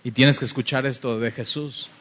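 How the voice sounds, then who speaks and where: A man preaching a fervent sermon that rises to loud, emphatic passages. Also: mid-range voice, steady tone, normal speed. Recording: dull, reverberant hall sound.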